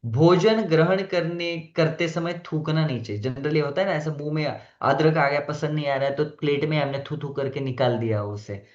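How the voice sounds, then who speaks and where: A man gives a devotional etiquette class in a fairly high voice. He teaches in a conversational way and often mixes in English phrases. The sound is roomy and a little dull and lo-fi. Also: normal speed, hardly any pauses. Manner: gentle humor, acts out quoted people.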